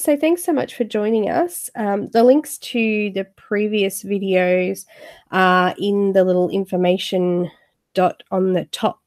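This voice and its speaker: A woman hosting a YouTube coloring channel chats with viewers during a live coloring stream, sounding chatty and friendly with lots of fillers. She has a cold, which makes her slightly nasal. Her voice is medium in pitch and a little mellow.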